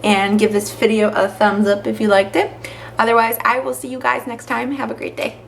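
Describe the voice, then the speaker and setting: A young woman chatting to the camera as a vlogger, telling stories with lots of fillers in an animated way. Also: fairly high pitch, fairly quick, gravelly, a little hiss or hum. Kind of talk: casual chat to camera.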